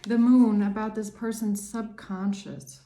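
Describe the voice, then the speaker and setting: A woman who works as a tarot reader and psychic channeller gives a casual reading to camera, speaking earnestly and rambling, often repeating words for emphasis. Her mid-range voice is steady and measured in pace, with a noisy background and roomy echo.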